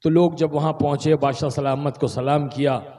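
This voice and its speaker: A man preaching a sermon, telling a story in an animated way and prompting his listeners. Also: a little high, normal speed. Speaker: Islamic preacher. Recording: long echoing reverb.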